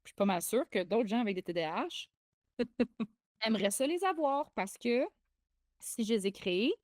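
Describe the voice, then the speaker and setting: Young Québécois woman co-host, excitable and chatty, dry booth sound. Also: fairly high pitch, normal speed, no room sound. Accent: Québécois French. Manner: excitable, chatty, frequent fillers and restarts. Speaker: podcast co-host. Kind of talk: casual podcast chat.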